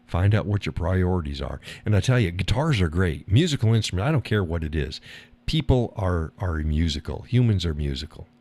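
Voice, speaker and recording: Blunt, deep-voiced New man rambling. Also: very animated, brisk, darkish tone. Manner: blunt, rambling, swears and laughs often; mimics other people in a higher voice. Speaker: live stream host. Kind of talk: casual live-stream talk.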